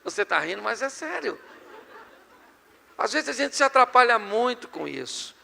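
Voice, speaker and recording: A middle-aged Brazilian pastor preaching an animated, joking sermon to a live congregation. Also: male voice, extremely high pitch, normal speed, gravelly, a little hiss or hum. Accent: Brazilian Portuguese. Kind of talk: sermon on marriage and communication. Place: church hall before a live congregation. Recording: long hall reverb.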